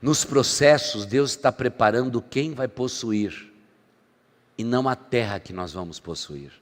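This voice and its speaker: A man preaching a sermon as pastor, dramatic, swinging between loud emphasis and quiet asides. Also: medium pitch, a little slow. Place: church sanctuary. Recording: long hall reverb from church.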